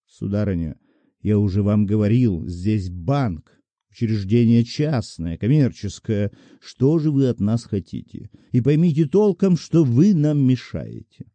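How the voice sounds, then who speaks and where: Tired whiny bank chief, man reading, dark voice, dry sound. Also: on the low side, animated, unhurried, dry recording. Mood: weary. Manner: languid, moaning, fretful. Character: weary nervous bank chairman, middle-aged man.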